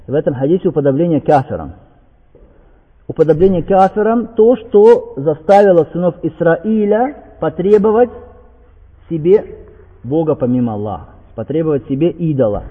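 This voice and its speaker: A man delivers a religious lecture, quoting Arabic lines before explaining them and often stopping to ask his listeners rhetorical questions. His voice sits at an ordinary pitch. The recording sounds thin and phone-like, with a long reverb tail as if from a large hall. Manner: asks rhetorical questions and checks in with 'okay?'; quotes passages in Arabic, then explains them. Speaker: Islamic preacher.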